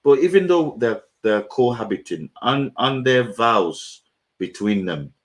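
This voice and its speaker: A man's voice: mid-range voice, expressive, a little slow. A middle-aged man co-hosting a casual talk about marriage, often repeating words as he searches for them. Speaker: co-host.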